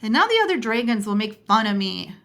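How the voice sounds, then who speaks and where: A high, lively little dragon boy, timid yet earnest, apologizing and trying hard, as a woman puts him on. His voice jumps up and down in bright, quick bursts. A storybook character read aloud. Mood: upset. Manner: eager and apologetic.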